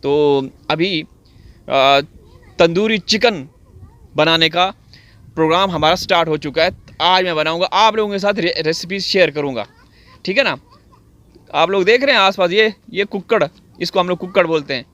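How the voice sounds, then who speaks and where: Sarcastic high-voiced man, bright tone. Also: normal speed, no room sound. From Pakistan. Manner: sarcastic, theatrical, addresses viewers directly. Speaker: video commentator. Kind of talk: mocking commentary. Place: outdoors on wet farmland.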